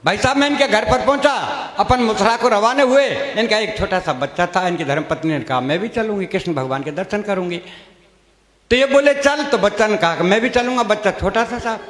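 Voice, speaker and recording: High-voiced man telling comic stories on stage. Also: expressive, a little fast, few pauses, fairly bright tone. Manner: rustic storytelling, voicing each character in turn. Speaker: stand-up comedian. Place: stage at a comedy gathering. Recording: echoey hall, long reverb.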